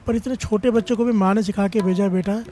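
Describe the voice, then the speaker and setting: A man's voice: high voice, steady tone, quick pace, dark tone, a little hiss or hum. A man preaching a sermon, telling a story and repeatedly calling on the congregation to respond. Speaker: Sikh preacher giving katha.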